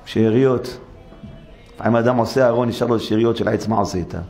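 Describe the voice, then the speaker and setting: A man's voice: mid-range voice, fairly even intonation, darkish tone, faint music behind. A male rabbi giving a sermon in a synagogue, dramatic, acting out complainers through rhetorical questions. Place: synagogue study hall.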